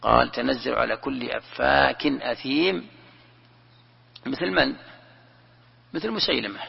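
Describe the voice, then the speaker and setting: A man's voice: medium pitch, a little slow, gravelly, breathy edge. A man teaching a religious lesson, explaining in a conversational way and asking and answering his own questions. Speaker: sheikh teaching Quran commentary. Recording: lo-fi recording with long reverb.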